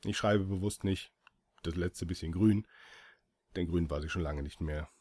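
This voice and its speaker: A man's voice: low voice, moderate pace, warm tone, husky. A man reading a first-person story aloud as an audiobook, with dry, ironic delivery. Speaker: audiobook reader.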